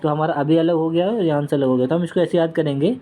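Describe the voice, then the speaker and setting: Mellow-voiced man teaching vocabulary mnemonics. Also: fairly high pitch, fairly even intonation, quick pace. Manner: repetitive, drills each word several times; mixes Hindi with English words. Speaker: vocabulary tutor. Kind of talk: casual exam-prep vocabulary lesson.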